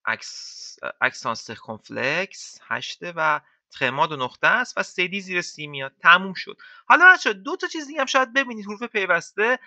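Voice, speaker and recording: Chatty man teaching, bright dry sound. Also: sits high, no room sound, muffled recording. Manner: chatty, repeats words slowly for learners. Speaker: French teacher. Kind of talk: casual lesson explaining to beginners.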